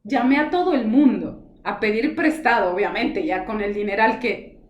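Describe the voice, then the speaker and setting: A woman, a spiritual guide, tells her own story as an earnest, emotional testimony in conversation, acting out the dialogue as she goes. Her voice is a little high at normal speed, and the lo-fi recording has a roomy, echoey sound.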